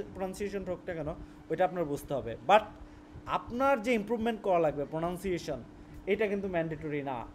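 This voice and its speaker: A man's voice: high-pitched, darkish tone, a little hiss or hum. A young Bangladeshi man with a Bangladeshi Bengali accent, teaching a casual spoken lesson and mixing English words into his Bengali, often restarting his words.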